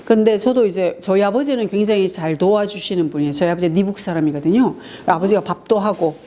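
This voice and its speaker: A middle-aged woman lectures in a hall, her voice mellow and warm. She acts out spats between spouses in exaggerated mock voices and punctuates her points with brief affirmations. A faint hiss of noise sits under the recording. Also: medium pitch, quick pace. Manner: acts out quarrels in mock voices, frequent "예" fillers. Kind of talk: lively lecture on couples' communication.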